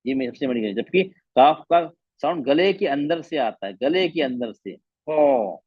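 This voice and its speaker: Man teaching with slow, repeated sounds. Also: on the high side, animated, slightly rough, dry recording, dull audio. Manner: patient, repeats letter sounds as demonstrations. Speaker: Quran recitation teacher. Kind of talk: online class teaching.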